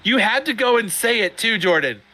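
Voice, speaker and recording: A middle-aged man giving chatty, excitable sim racing commentary, often laughing. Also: sits high, normal speed. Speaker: race commentator.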